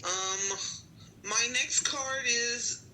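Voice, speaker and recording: Bright-voiced woman, slow and excitable. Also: a little high, slight background noise, rough recording. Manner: easily excited, exclaims with delight. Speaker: player in a storytelling card game. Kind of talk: casual storytelling game play.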